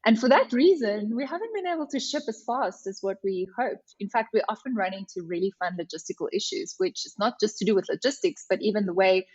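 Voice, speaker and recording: A woman's voice: medium pitch, animated, fast talker, few pauses, darkish tone, husky. South African woman, slightly muffled recording. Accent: South African (Afrikaans). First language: Afrikaans. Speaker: company representative, interview guest. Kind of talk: conversational podcast interview answers.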